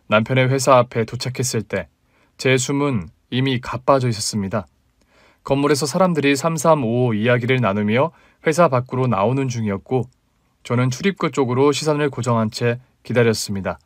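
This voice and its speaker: A man's voice: mid-range voice, dry recording. Man reading a dramatic story, dry sound. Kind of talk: scripted first-person story narration.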